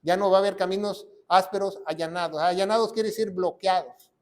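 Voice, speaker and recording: A man's voice: high voice, steady tone, a little fast, darkish tone. A male pastor preaching a fiery sermon, asking rhetorical questions and repeating phrases for emphasis.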